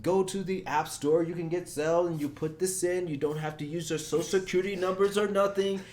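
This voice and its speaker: A man's voice: high voice, fairly even intonation, brisk, a little mellow, pitched above the performer's own voice, lightly acted. A man imitating a pushy male scam caller who sounds overly formal and keeps pressing. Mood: pushy polite.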